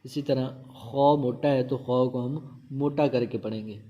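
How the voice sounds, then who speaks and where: A man teaching Quran reading, spelling out letters and syllables slowly and repeating them for pupils to copy. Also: mid-range voice, steady tone, muffled recording. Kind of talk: slow drilled lesson recital.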